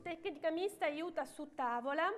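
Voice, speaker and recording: High-pitched woman auctioneer. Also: normal speed. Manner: repetitive, clipped counting of bids and numbers. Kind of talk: live art auctioneer calling bids. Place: large auction room with seated audience.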